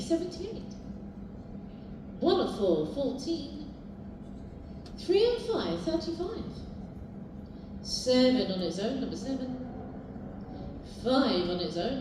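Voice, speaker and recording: A British woman working as a bingo caller, announcing numbers live in a sing-song, formulaic way with measured repetition. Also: sits high. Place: large echoing indoor bingo hall. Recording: very echoey hall, distant, noisy.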